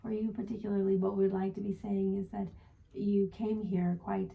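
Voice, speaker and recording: A woman channeling a gentle male spirit guide as a seance medium, speaking formally and ending phrases with a questioning "yes?". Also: medium pitch, little pitch movement, moderate pace, vocal fry, narrow, tinny audio, natural voice. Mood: gentle, assured. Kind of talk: spiritual guidance in trance channeling session.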